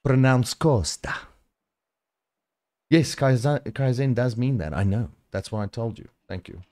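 A man's voice: medium pitch, moderate pace. A South African man streaming a tactical shooter, calling plays to his team and chatting with viewers. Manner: animated shot-calling, chatty asides to chat. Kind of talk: live game-stream chat with teammates.

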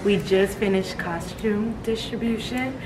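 Slow-talking young woman. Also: mid-range voice, background noise. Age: young adult. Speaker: costume designer being interviewed. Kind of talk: casual on-camera introduction. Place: large indoor event room. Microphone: handheld camera a short distance away. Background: music.

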